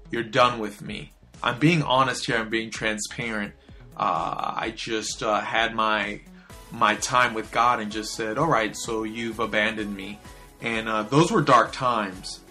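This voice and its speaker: A man's voice: lowish voice, sharp tone. A man hosting a short daily devotional, talking in an earnest, confessional way with hesitant fillers. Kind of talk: casual spoken devotional.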